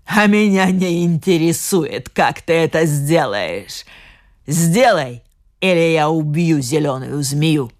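A woman's voice: sits low, lively intonation, slow. A woman voicing a cruel old witch who hisses threats and barks commands. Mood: commanding. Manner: hissing, menacing commands.

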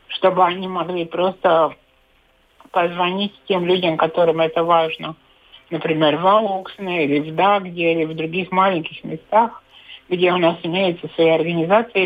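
Lower-voiced woman on a dull remote link. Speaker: head of an organisation, interview guest. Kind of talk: live radio interview. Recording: dull band-limited live remote link.

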